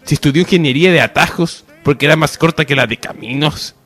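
A man's voice: on the high side, quick pace, fairly bright tone. A man playing a reassuring, colloquial young best friend, in radio soap opera acting. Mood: earnest.

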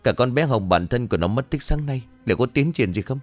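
A man's voice: medium pitch, expressive, brisk, no room sound, pitched above the performer's own voice, natural voice. A man voicing a worried middle-aged husband who speaks earnestly, soothing his wife and asking after his missing daughter. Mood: anxious.

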